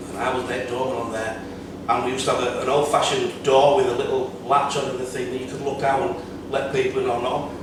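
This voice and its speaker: A middle-aged Yorkshireman, seated on a sofa in a bar lounge, chats as a podcast guest about his years on club doors and running events security. His mid-range voice has a flat delivery, and he tells quick anecdotes with many yeahs. The audio is echoey and distant, with a background hum.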